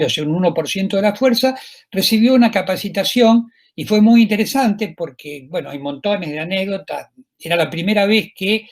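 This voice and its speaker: A husky, slightly high-pitched man with an Argentine accent delivers a university lecture. He talks in a discursive way, stopping often on filler words and checking in with his listeners through tag questions. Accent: Argentine Spanish. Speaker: law professor lecturing.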